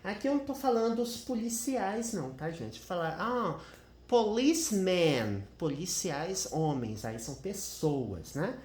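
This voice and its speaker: A Brazilian man walks viewers through an English grammar lesson in a chatty teaching voice. His pitch swings up and down, and he keeps checking in with them as he goes. The recording has a noticeable roomy echo. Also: very animated, a little slow, hardly any pauses, a little mellow. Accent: Brazilian Portuguese. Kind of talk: screen-share grammar lesson.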